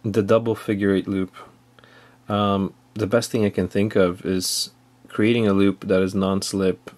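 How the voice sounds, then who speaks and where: Man, lowish voice, casual instructor talking through steps off camera. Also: darkish tone. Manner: plain, step-by-step explaining with fillers. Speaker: outdoor skills instructor. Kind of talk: casual how-to demonstration.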